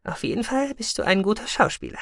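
A man voicing a gentle, kind young alien woman in a science-fiction audiobook, speaking softly. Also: fairly high pitch, quick pace, vocal fry, slightly rough, no echo, studio quality, pitched above the performer's own voice. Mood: amused. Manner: soft and gentle.

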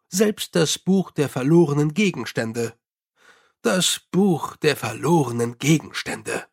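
A man reading a novel aloud as an audiobook narrator, with expressive, lively storytelling. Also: on the high side. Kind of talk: scripted narration.

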